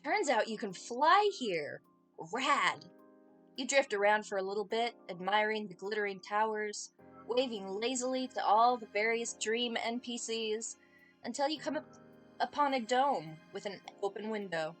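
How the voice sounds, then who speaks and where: A woman's voice: fairly high pitch, expressive, normal speed, a bit bright, faint music behind. A woman reading a game's second-person narration aloud, adding playful, dry comments. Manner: playful, dry asides between narrated lines. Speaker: game streamer.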